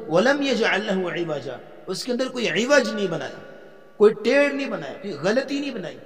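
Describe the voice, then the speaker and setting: A man giving a tafsir lecture as a Quran teacher, explaining step by step, putting questions to the class and chanting verses slowly. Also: sits high, long reverb tail.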